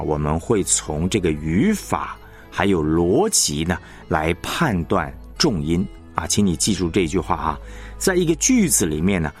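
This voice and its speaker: A man teaching broadcast announcing on the radio, explaining patiently, repeating his points and reading example sentences slowly deliberate stress. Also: sits low. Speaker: broadcasting instructor. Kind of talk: radio lesson on announcing technique.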